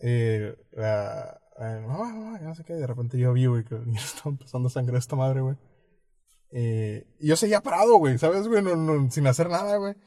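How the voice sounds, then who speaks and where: A man's voice: medium pitch, fairly quick, mellow. A man with a Mexican accent, co-hosting a podcast and telling personal stories in a rambling, slang-heavy, casual way. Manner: rambling, slangy, fills nearly every phrase with "güey". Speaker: podcast co-host. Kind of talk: casual storytelling chat.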